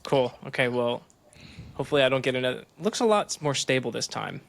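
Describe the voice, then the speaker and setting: Upbeat gravelly-voiced podcast host. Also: male voice, mid-range voice, lively intonation, brisk. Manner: upbeat, joking, with fillers and restarts. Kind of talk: casual chat.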